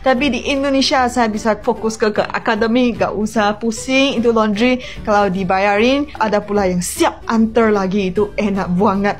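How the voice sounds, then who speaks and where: A woman's voice: medium pitch, steady tone, normal speed, few pauses. A young woman, telling stories casually and expressively. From Malaysia. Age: young adult. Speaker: university student abroad. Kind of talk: casual storytelling.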